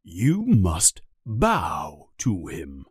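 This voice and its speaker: A man reading the lines of a big, kindly male giant teacher, who gives slow, coaxing instructions. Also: low-pitched, huge pitch swings, slightly rough, dry recording, studio quality, pitched below the performer's own voice, heavily acted. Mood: instructing.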